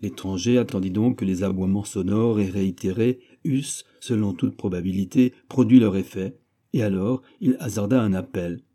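Dark-voiced man reading a novel. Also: fairly low pitch, normal speed. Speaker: audiobook reader. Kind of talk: scripted narration of a classic novel.

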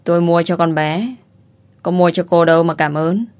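A woman's voice: fairly low pitch, moderate pace, a little mellow, clear, resonant tone, natural voice. A woman voicing a crude, curt young man who mocks and teases. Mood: teasing. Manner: curt, mocking.

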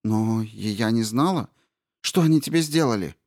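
A man voicing a frightened, impatient young princess in an audiobook, pitched higher and louder, with urgent questions. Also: lively intonation, normal speed. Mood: urgent, pleading. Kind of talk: audiobook character reading.

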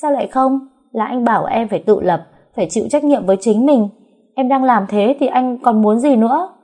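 A woman's voice: medium pitch, fairly quick, mellow, lightly acted. A woman voicing a naive, stubborn young woman who insists on her point. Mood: insistent.

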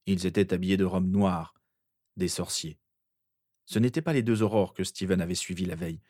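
A man narrating a fan fiction audiobook in a steady, measured way. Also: sits low, no room sound, clean studio sound.

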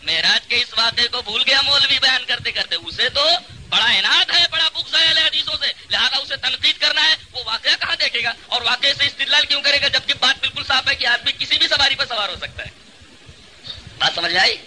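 A man's voice: extremely high pitch, sharp tone, slight background noise, rough recording. A male Islamic preacher giving a religious lecture, arguing his point with rhetorical questions and mocking an opposing cleric. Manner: argumentative, full of rhetorical questions.

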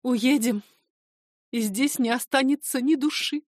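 A woman's voice: high voice, measured pace, dry recording, studio quality, voice pushed up. Woman reading a wistful lady of the manor. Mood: tender. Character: wistful middle-aged lady of the estate.

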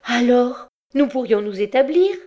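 A woman reading an audiobook, voicing a lively, teasing young working woman who speaks eagerly and playfully. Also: lowish voice, a little slow. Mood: eager, excited.

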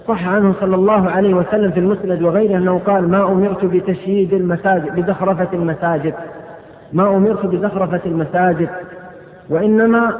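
A man with a high voice preaches at a religious question-and-answer lecture, reading each question aloud and answering fast with quick, firm rulings. The audio is thin and phone-like, carrying the long echo of a big hall.

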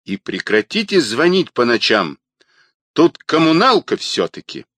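A man's voice: mid-range voice, sing-song, takes it slowly, fairly bright tone, husky, no echo, pitched above the performer's own voice, heavily acted. A man reading aloud and voicing a man woken at night by a call, who answers dryly and reluctantly. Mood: angry. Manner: dry, reluctant, then sharply protesting.

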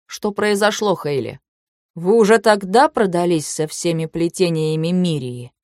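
A woman voicing a shrewd young man who questions calmly and pointedly in a storybook reading. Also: lowish voice, no room sound, studio quality, lightly acted. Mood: insinuating. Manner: measured, coolly probing.

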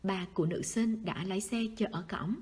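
A woman calmly narrating a novel as an audiobook reader. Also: medium pitch, normal speed, slightly rough.

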